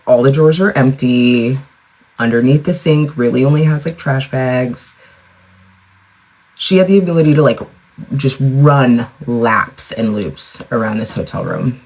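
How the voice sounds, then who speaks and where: Chatty young mom, husky voice. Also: female voice, rumbling low, darkish tone, low-quality recording. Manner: chatty, rambling, lots of "like", with swearing. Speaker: podcast host. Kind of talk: casual solo podcast chat. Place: at home, in front of a mirror.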